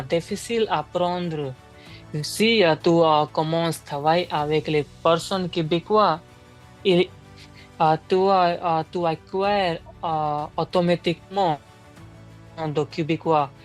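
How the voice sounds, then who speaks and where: A woman candidate in a speaking exam role-play, speaking a second language. She talks slowly and a little low, stopping often to search for words and restarting her sentences. Faint music plays behind her. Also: poor audio. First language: not French. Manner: halting, many fillers and restarts.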